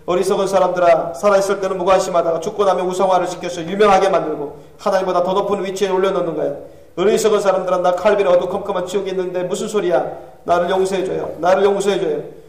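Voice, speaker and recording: A man's voice: high-pitched, steady tone, quick pace. A preacher voicing a tormented damned man in hell who pleads for forgiveness and blames himself, recorded with a distant mic in an echoey church hall. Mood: anguished, remorseful. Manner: pleading, self-reproaching.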